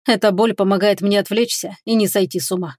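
A woman voicing a grieving young man with a hoarse, lifeless voice who speaks slowly. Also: mid-range voice, steady tone, darkish tone, dry recording, studio quality, close to an everyday voice. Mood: grim.

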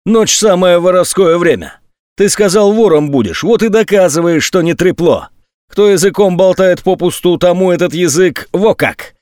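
A man's voice: fairly high pitch, very animated, moderate pace, no echo, clean studio sound, pitched above the performer's own voice. A man voicing a menacing, drunk adult male burglar who snarls coarse threats. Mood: threatening.

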